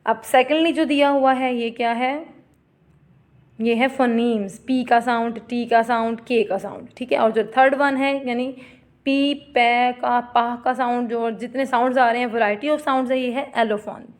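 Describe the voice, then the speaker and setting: A woman giving a classroom lecture, explaining terms in Hindi-Urdu and reading definitions slowly, addressing students as "beta". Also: on the high side, steady tone.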